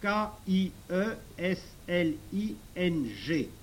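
A man reading a storybook and voicing a smooth-talking thief who answers politely and evasively. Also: high-pitched, slow, a little mellow, a little hiss or hum, pitched above the performer's own voice.

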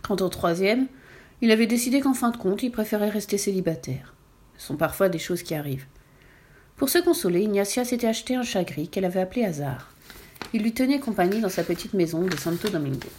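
Woman reading a story, warm mellow tone. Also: medium pitch, brisk. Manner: lively, expressive narration. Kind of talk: reading a children's story aloud.

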